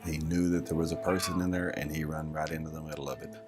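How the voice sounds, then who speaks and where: A father speaking in a recorded interview, recounting events in an emotional, halting way. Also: a bass voice, level tone, loud music behind the voice.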